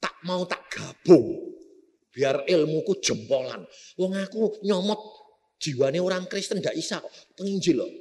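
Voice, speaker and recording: Brash young sorcery student, as a preacher puts him on, eager, Javanese accent, lively pitch, long reverb. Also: male voice, measured pace. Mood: boastful, pleading.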